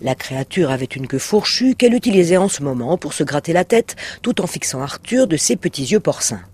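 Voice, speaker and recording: A man reading a short story aloud as narrator, measured and expressive. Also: fairly high pitch, breathy edge. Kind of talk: audiobook reading.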